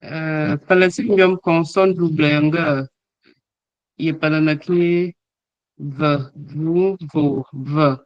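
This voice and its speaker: A man leads an online alphabet lesson, sounding out letters and example words one by one. He speaks very slowly in a slightly raised voice and hesitates often. The call audio is dry and a bit dull and lo-fi. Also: on the high side, steady tone, no echo. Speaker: language teacher. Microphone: online call microphone.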